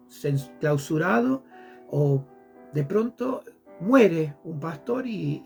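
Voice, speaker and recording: A man's voice: on the high side, creaky, a little mellow. A man who is a pastor, preaching fervently with a repetitive sermon cadence. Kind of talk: impassioned preaching on a program.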